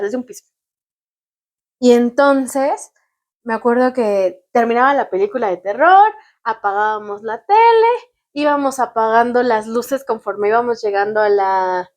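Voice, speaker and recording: Young Mexican woman, easygoing storyteller. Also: on the high side. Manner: relaxed conversational storyteller with frequent laughter. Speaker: podcast co-host. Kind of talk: casual chat.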